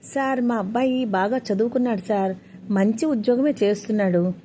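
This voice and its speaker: A woman's voice: fairly high pitch, moderate pace, dark tone, a little hiss or hum, natural voice. A woman doing a pleading tearful mother. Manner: pleading, faltering.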